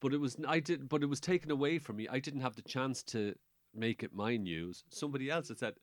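A man in his sixties with an Irish accent, telling a personal story as a guest in a lively, anecdotal way, chuckling through it. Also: mid-range voice, brisk, no room sound, clean studio sound. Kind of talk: casual storytelling.

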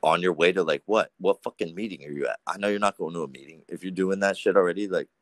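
Young guy, very low voice, crude rambling podcast guest, dry close sound. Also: fast, no room sound. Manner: rambling, crude, animated storytelling. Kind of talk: casual profane chat.

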